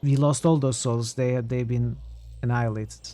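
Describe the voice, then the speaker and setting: A man hosting a game playthrough in a dark, mellow voice of middling pitch. He moves between reading story text aloud and casual commentary on the game. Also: fairly even intonation, normal speed.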